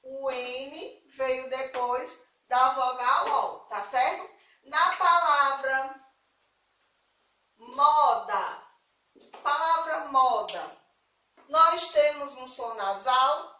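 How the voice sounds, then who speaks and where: A woman's voice: high voice, slow pace, pushed and bright, echoey room, far from the mic, rough recording. A Brazilian woman teaching a remote lesson to young children, affectionate and patient, stressing key words. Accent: Brazilian Portuguese. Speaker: primary school teacher.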